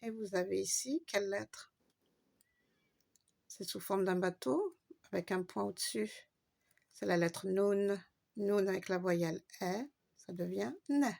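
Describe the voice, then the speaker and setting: A woman's voice: mid-range voice, unhurried, gravelly, pauses often, darkish tone. A woman giving a patient, step-by-step Arabic reading lesson, spelling out letters and stretching long vowels. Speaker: Arabic teacher.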